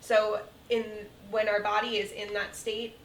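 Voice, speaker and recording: A woman chiropractor, a podcast guest, calmly explaining things in a clear way. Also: medium pitch, unhurried, distant mic. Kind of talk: explaining in an interview. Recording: roomy sound from off-mic with faint room hiss.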